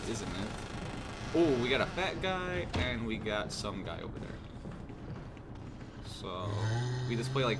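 Male gamer commentating, joking, laughing a lot, lively up-and-down pitch, noisy recording. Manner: jokey, laughs often, swears casually. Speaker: let's play gamer. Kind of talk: casual gameplay commentary.

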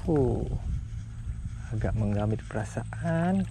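A man muttering to himself while fishing on a mangrove riverbank, softly coaxing the fish. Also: mid-range voice, expressive, slow, gravelly. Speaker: angler vlogger. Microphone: head-mounted action camera. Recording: noisy outdoor action-camera audio. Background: outdoor nature ambience.

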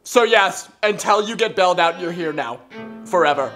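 A stern, deadpan male police officer giving flat, curt orders in a plush puppet comedy, as a performer voices him. His voice sits lower and quieter than the other characters. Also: moderate pace, faint music behind, natural voice.

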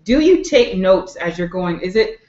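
A woman's voice: lowish voice, animated, moderate pace, a little mellow. A woman interviewing a guest, asking questions and summing up his answers. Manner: engaged, asks questions and sums up answers. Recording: roomy, dull lo-fi sound.

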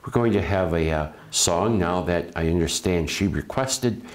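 A man speaking as a priest at a funeral, giving a gentle, reflective homily with some restarts. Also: low voice, moderate pace.

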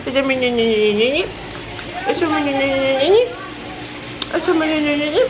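Woman putting on a sweet wide-eyed baby boy, sing-song baby talk, high voice, noisy recording. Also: fairly quick, muffled recording, close to an everyday voice. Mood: gushing.

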